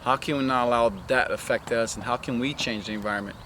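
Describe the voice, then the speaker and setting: A man's voice: medium pitch, steady tone, quick pace. A man from Brazil, a soccer coach, talking casually in an interview and rambling with many restarts. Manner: rambling, many restarts and "you know" fillers. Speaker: head women's soccer coach. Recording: outdoor recording with loud traffic noise.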